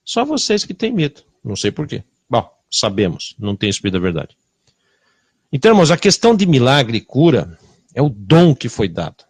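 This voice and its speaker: A man preaching a sermon with a Brazilian Portuguese accent, confrontational and full of rhetorical questions, swinging between loud bursts and hushed asides. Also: medium pitch, wildly swooping pitch, a little fast, slightly rough, dry recording.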